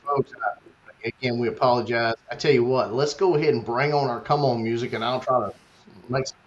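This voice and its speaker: A man's voice: mid-range voice, fairly even intonation, a little fast. A male podcast co-host whose voice echoes as if he were in a tunnel, apologizing while he sorts out mic trouble. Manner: apologetic, sorting out tech trouble. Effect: echoing tunnel-like reverb on his mic. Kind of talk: casual chat. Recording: dull, muffled echoey mic.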